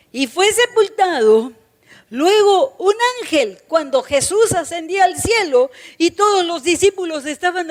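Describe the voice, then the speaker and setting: A woman pastor preaching a sermon, emphatic, repeating key phrases and speaking straight to her congregation. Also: extremely high pitch. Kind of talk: Pentecostal-style sermon.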